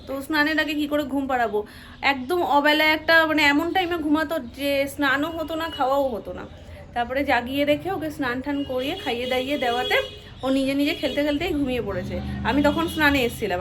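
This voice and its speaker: Young mom vlogger, high voice, chatty and rambling, faint ambience behind. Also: female voice, a little hiss or hum. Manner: chatty, rambling daily diary, drops to soft near-whisper while child sleeps. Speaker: vlogger and mother. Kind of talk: casual chat to camera.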